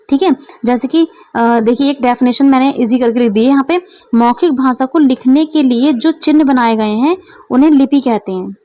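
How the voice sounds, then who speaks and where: A woman teacher walks through an exam-prep lesson one step at a time and keeps pausing to ask whether everyone follows. Her voice sits high. The recording is close and dry, with no room sound. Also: darkish tone, dry recording. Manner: explains step by step, often checks understanding.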